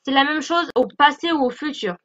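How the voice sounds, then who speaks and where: Bright high-voiced teacher. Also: female voice, a little fast, dull audio. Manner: patient, repeats "d'accord?" often. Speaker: English teacher. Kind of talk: explaining lesson over slides.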